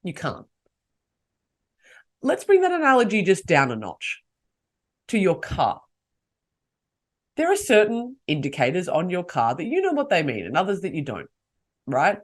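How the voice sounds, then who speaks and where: A woman's voice: on the low side, wildly swooping pitch, unhurried, pauses often. A woman hosting a solo podcast, coaching her listeners and asking them rhetorical questions. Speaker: podcast host.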